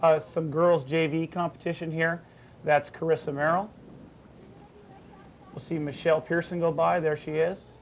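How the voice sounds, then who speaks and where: A man, a cross country coach, answering interview questions and naming runners in plain steady talk. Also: a little high, normal speed, pauses often, a little hiss or hum, low-quality recording. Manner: steady, plain commentary with fillers. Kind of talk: studio interview.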